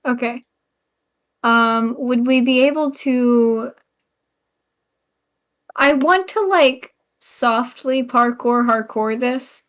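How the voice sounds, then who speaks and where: A woman's voice: on the high side, extremely slow, long pauses, a bit bright. A woman playing a tabletop game, talking casually in a sleepy, drawling, joking way. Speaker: player.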